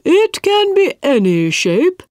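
A large, important male dodo who declares everything loudly and with total confidence, voiced by a woman storyteller. His voice is pitched high and moves a lot, and he speaks very slowly. The sound is dry and close. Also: big pitch swings, no room sound, full character voice. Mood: bossy. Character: large, important-looking male dodo bird, bossy and cheerful.

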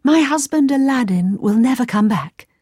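Woman doing an eager young princess, storybook voice, high and bright, dry close sound. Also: lively intonation, normal speed, breathy edge, dry recording.

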